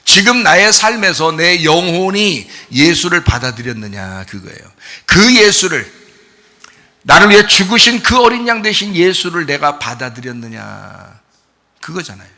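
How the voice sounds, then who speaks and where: A male pastor delivering a sermon, emphatic and full of rhetorical questions, moving between quiet explanation and loud insistence. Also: a little high, very animated, moderate pace. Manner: emphatic preaching, swings from soft to loud.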